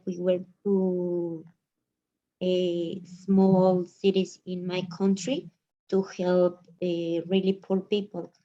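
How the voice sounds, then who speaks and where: Woman, slow and mellow, lots of likes, dull video call sound. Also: fairly low pitch. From Ecuador. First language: Spanish. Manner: hesitant, many likes and fillers. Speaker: student.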